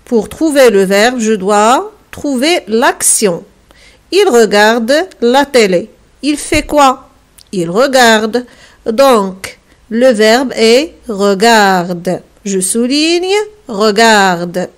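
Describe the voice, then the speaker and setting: A woman with a Moroccan accent teaching a French grammar lesson to young pupils, spelling words out slowly and carefully, letter by letter. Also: a little high, expressive. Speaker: primary school French teacher. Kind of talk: recorded remote French lesson.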